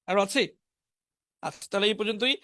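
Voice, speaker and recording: A man teaching spoken English in an online class, briskly drilling words and their meanings. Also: sits high, bright, forceful tone, no room sound, clean studio sound. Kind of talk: online class lesson, reading word lists.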